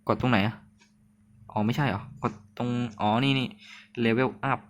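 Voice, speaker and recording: A man's voice: mid-range voice, steady tone, a little slow. A young man casually commenting as he plays a survival game, chatty and jokey, with startled little yelps and running self-talk. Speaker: gaming channel host. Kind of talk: casual let's-play commentary.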